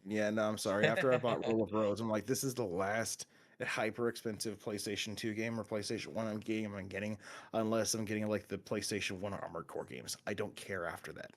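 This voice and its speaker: A man's voice: on the low side, fairly even intonation, fairly quick. A man co-hosting a casual gaming podcast, talking in long rambling runs with many restarts and fillers. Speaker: podcast co-host.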